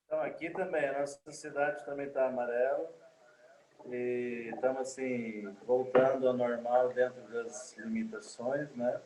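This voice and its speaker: A man from Lisbon, introducing himself on a video call in a relaxed, joking way. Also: medium pitch, unhurried, slight background noise, poor audio. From Lisbon, Portugal. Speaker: holistic therapist, workshop participant.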